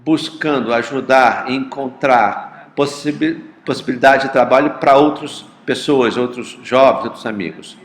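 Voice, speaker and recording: A man speaking earnestly at a panel, halting at times and restarting his phrases. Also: medium pitch. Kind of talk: panel talk. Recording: roomy echo.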